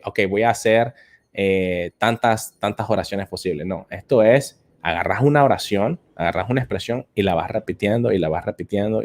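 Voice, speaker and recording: Here an English teacher runs a live-stream lesson in a voice on the low side and a little mellow. His replies to viewer comments come out haltingly, packed with filler sounds and words said twice.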